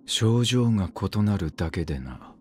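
A man voices a brooding, weary immortal swordsman for game lines, his delivery low, curt and grim in terse, clipped phrases. Oddly, it's sing-song, unhurried and a little mellow, with slight background noise.

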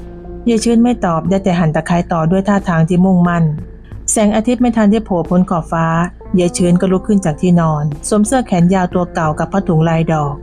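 A woman narrating a scripted village story in a measured, descriptive way. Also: fairly low pitch, dark tone, soft background music.

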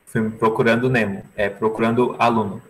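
A man's voice: on the low side, little pitch movement, a little fast, background noise. A man teaching English in an online lesson, patiently repeating each word and phrase for his students over a video call.

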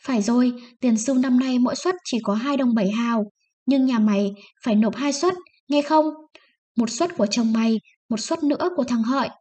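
A woman voicing a harsh, bullying male village chief who snaps and shouts at the villagers. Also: fairly high pitch, brisk, close to an everyday voice. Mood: angry. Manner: snapping, shouting.

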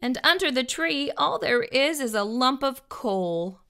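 A middle-aged woman reads aloud for a children's storytime, speaking straight to the young listeners with expressive, exaggerated stress. Her high voice is pushed and bright yet clean in tone, with vocal fry, lively intonation, and an unhurried pace. A lapel mic records her in a small furnished room.

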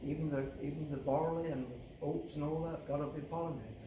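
An older man talks in a plain, unhurried way, halting now and then. His voice sits a little high. He is recorded from some distance outdoors, with loud background noise and a roomy echo. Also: fairly even intonation. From England. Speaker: farmer. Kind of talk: outdoor interview walk. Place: outdoors on farmland.

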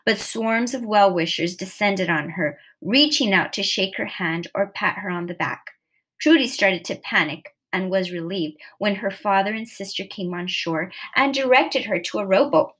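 A woman's voice: medium pitch, fairly bright tone. A woman narrating a nonfiction story aloud, reading steadily with the odd slip and self-correction. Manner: reads steadily with occasional slips and self-corrections.

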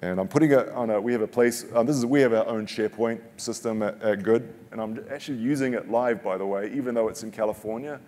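With a lowish, darkish voice, a man in his forties talks quickly and with hardly any pauses during a joking, casual live product demo at a conference. He keeps stopping and restarting sentences. A headset mic records him in a big hall with long reverb.

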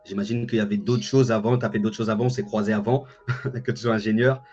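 This interviewer and host, a man in his thirties, talks fast in a husky, darkish voice on the low side with little pitch movement, often repeating his phrases in a casual interview. He's on a video call in an indoor room with a bookshelf, the audio dull and lo-fi, music playing behind.

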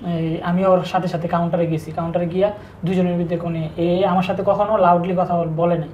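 A young man with speech, telling his own story in a halting, subdued way with frequent restarts. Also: sits high, level tone, a little mellow, highs cut off. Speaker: interview guest telling his breakup story. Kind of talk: casual personal storytelling. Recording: echoey room with faint background noise.

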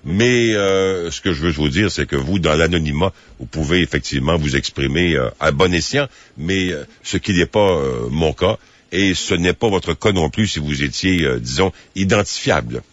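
Deep, measured radio host. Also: male voice, animated, no room sound. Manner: measured, hesitant with many fillers. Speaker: late-night radio host. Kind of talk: phone-in radio talk. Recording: muffled broadcast audio.

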